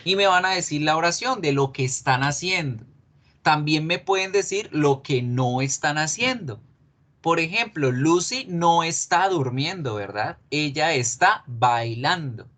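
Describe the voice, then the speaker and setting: A male English teacher giving a class, explaining patiently, repeating key words slowly and asking students questions. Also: fairly high pitch, animated, fairly bright tone.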